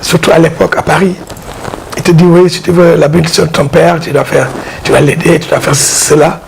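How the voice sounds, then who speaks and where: A man, an art dealer and collector, explaining his pieces in a casual interview, halting and repeating words as he goes. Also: on the high side, little pitch movement, gravelly. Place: exhibition hall with his collection. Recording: noisy background hiss.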